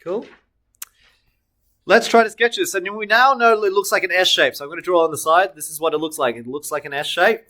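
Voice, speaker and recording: A man with a high-pitched voice teaches a recorded maths lesson in a brisk, bright and forceful tone. He leads students through the steps, answering his own questions and self-correcting as he sketches on screen.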